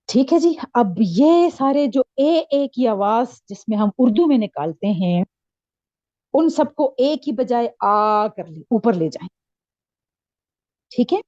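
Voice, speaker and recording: A patient woman with a Pakistani Urdu accent teaches a recitation class, pausing often to check that everyone follows. Her voice sits a little high but has a dark, mellow tone. The recording is dull and lo-fi, with a dry sound. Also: expressive, dry recording. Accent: Urdu-speaking Pakistani. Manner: slow drawn-out letter recitation. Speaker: Quran teacher. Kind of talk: classroom lesson.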